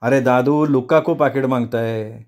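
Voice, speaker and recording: A man's voice: medium pitch, steady tone, a little mellow, close to an everyday voice. A man voicing a swaggering young street tough who orders people about in slangy talk. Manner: slow, cocky, slangy bossing.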